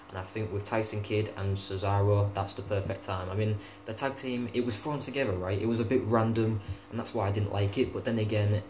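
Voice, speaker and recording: A man's voice: on the low side, darkish tone. A young man giving an opinionated, casual review of a wrestling show, swearing freely as he talks. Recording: echoey room with faint hum.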